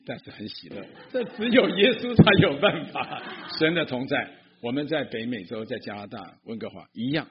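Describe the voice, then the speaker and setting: Pastor from Fujian, male, husky, lively with the congregation, on a dull lo-fi recording. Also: medium pitch. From Fujian, China. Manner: lively, engaging the crowd with questions and laughs. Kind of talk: addressing a church congregation.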